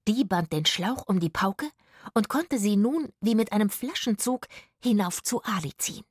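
Eine Frau, die ruhig eine Kinderhörgeschichte vorliest. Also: female voice, mid-range voice, normal speed, breathy edge, dry recording, studio quality. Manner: calm, storytelling. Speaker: narrator. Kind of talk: children's audiobook narration.

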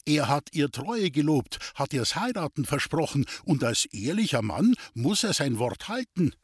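A man voicing an earnest village priest who admonishes in a measured way. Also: a little high, sing-song, breathy edge, dry recording, clean studio sound, heavily acted. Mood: admonishing.

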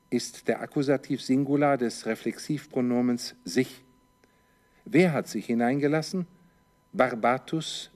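Male teacher, unhurried and methodical, walks through a translation word by word. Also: medium pitch, darkish tone. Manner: methodical, poses questions and answers them; parses grammar line by line. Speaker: Latin teacher. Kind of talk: slow step-by-step translation lesson.

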